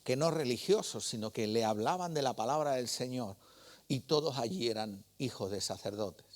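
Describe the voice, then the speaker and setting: A male preacher delivers a sermon in a relaxed, storytelling tone. He talks to the congregation like a friend and keeps checking in with short questions. His voice sits at an ordinary, middle pitch for a man. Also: normal speed.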